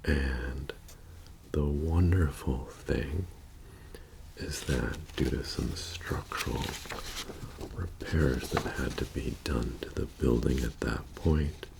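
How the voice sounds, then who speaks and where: A man in an ASMR role-play as a methodical bank heist planner, speaking in a soft-spoken, halting and matter-of-fact murmur. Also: extremely low pitch, creaky, noisy background, exaggerated voice. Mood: calm, methodical. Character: methodical male bank heist crew planner briefing his team.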